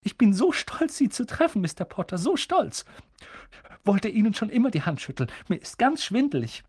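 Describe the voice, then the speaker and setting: A man's voice: high voice, sing-song, darkish tone, slightly rough, dry recording, clean studio sound, pitched above the performer's own voice, full character voice. A man putting on a gushing star-struck old witch. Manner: gushing, rapid and fluttery.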